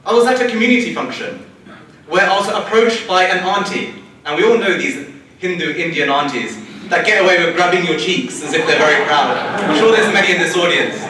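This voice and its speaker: A young man from the United Kingdom giving a prepared, rhetorical conference speech with measured repetitions. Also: high voice, pushed and bright, a little hiss or hum. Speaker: conference panelist, local election candidate. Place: large conference hall. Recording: distant, echoey hall.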